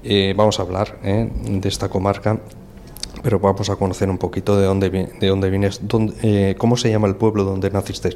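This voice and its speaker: Deep-voiced, patient male interviewer. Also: little pitch movement, normal speed, a little mellow, slight background noise. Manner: patient, repeats and explains words, many fillers. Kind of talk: teacher-like interview.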